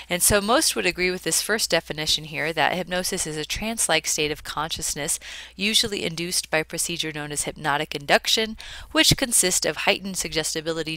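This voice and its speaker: A woman's voice: lowish voice, bright, forceful tone, no echo, low-quality recording. A woman giving a conversational slide lecture, explaining informally like a psychology teacher.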